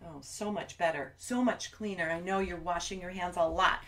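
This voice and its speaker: A woman from the United States hosts a children's sing-along, speaking slowly and gently. She is playful and talks straight to the kids at home, picked up on a camera mic. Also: fairly high pitch. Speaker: children's musician.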